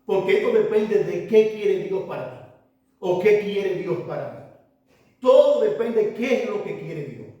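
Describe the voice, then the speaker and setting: A man's voice: high voice, lively intonation, a little slow, dark tone, lo-fi sound. A man preaching a sermon, emphatic and urging his listeners, often repeating phrases. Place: church. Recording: very echoey church hall, voice from far off.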